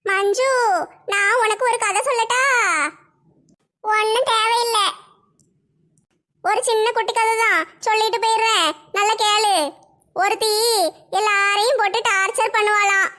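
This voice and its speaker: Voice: very high voice, level tone, measured pace, long pauses, bright, forceful tone, exaggerated voice. A voice actor playing a mischievous elder sister in a comic cartoon who teases and mocks her younger sister. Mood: gloating. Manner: cackling, teasing, mocking.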